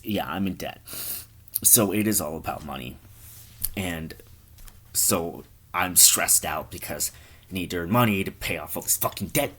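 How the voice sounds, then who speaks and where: A man playing a worn-out chain smoker buried in debt, griping and cursing. The voice is low and husky, and the tone is weary and bitter. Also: moderate pace, pauses often, fairly bright tone. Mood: ranting. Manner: weary, swearing.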